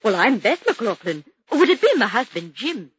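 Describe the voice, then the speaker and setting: A sharp-tongued middle-aged Highland housewife, blunt and quick to scold. Her husky voice lilts with a lively swing in pitch. It sounds like a dull, lo-fi old radio play. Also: dry recording, full character voice. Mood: brusque. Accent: Scottish Highland.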